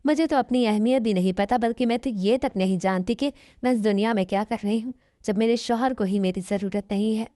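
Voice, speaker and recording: A woman voicing a helpless young second wife who speaks softly and pleads. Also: medium pitch, brisk, few pauses, no room sound, studio quality, lightly acted. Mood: pleading. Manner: soft, pleading.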